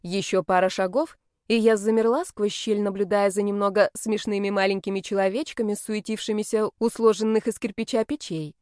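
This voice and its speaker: A woman narrating a first-person fantasy novel in a lively, expressive storytelling manner at a close mic. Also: medium pitch, a little fast, hardly any pauses, dry recording. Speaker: audiobook narrator.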